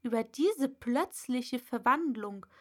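Female audiobook narrator, calm and measured, slow, somewhat high voice. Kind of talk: scripted storybook narration.

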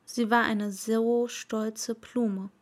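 A woman narrating a storybook aloud in a measured storytelling manner. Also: on the high side, level tone.

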